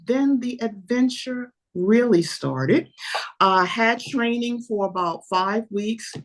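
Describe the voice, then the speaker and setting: A woman in her seventies, a guest telling a lively story in an interview and acting out the dialogue. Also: a little high, takes it slowly. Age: 70s. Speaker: podcast guest.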